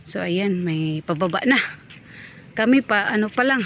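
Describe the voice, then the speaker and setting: Woman, Cebuano accent, vlogger, winded, unhurried, chatty, faint hiss behind. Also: mid-range voice, expressive, fairly bright tone. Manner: chatty, exclaims at sights along the way. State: out of breath. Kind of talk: casual walking vlog. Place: outdoors on a hillside path.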